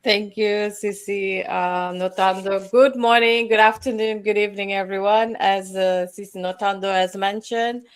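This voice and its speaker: A middle-aged woman from Fiji, a guest panelist speaking in a measured, slightly halting way. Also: medium pitch, little pitch movement, clear, resonant tone. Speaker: guest panelist, finance professional and mentor.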